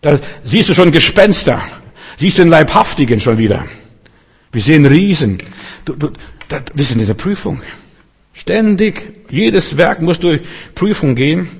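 A man's voice: fairly high pitch, big pitch swings, measured pace, creaky, pauses often, husky. Emphatic male preacher in a reverberant hall. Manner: emphatic, rhetorical questions, acts out quotes. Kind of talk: sermon.

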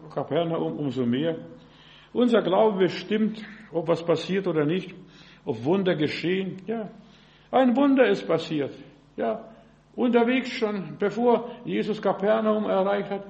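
A man's voice: on the high side, creaky, a little mellow. A man preaching a fervent sermon in German, punctuating his phrases with frequent "ja" and rising into emphatic bursts. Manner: fervent, fills pauses with frequent "ja". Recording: dull lo-fi recording.

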